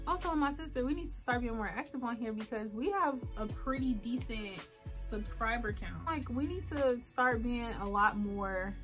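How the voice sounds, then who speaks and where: A woman's voice: a little high, a bit bright. A woman of twenty-four, chatting casually and rambling with lots of ums and likes while getting ready on camera. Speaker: beauty vlogger. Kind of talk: casual get-ready-with-me chat.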